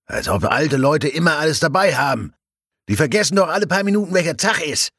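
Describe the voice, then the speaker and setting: A man's voice: on the high side, big pitch swings, brisk, vocal fry, fairly bright tone, no room sound, clean studio sound, voice pushed up, full character voice. A man doing a curt, impatient coroner. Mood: scoffing. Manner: curt, condescending. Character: gruff middle-aged male coroner, dismissive and impatient.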